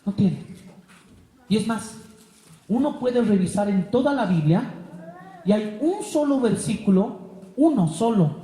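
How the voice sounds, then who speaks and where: A high-voiced man with a Bolivian accent preaches a lively sermon and acts out the people in his Bible stories. His tone is mellow, and his words ring through a roomy church hall with a long echo. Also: unhurried, pauses often. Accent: Bolivian Spanish. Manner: preaching with acted-out Bible voices, rhetorical questions. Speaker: pastor. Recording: echoey hall.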